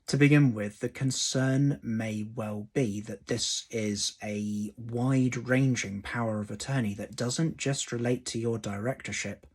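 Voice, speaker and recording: A man, an employment law solicitor, explaining a legal point in a measured way and stressing key words. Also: medium pitch, fairly even intonation, breathy edge. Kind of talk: explanatory video talk to camera.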